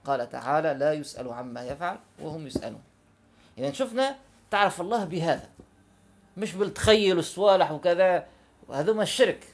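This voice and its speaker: A man giving an informal religious lesson, animated and quick, breaking into recited verses. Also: on the high side, creaky. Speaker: religious teacher.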